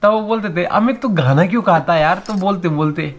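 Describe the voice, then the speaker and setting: A man's voice: high voice, fairly quick. A young man from Uttarakhand chatting and teasing his family in a casual home vlog. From Uttarakhand, India. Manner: teasing, joking banter. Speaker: vlogger.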